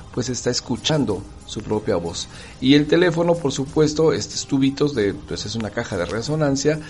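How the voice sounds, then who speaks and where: A man's voice: medium pitch, darkish tone. A man, hosting a casual talk aimed straight at the listener. He asks rhetorical questions and acts out little dialogues.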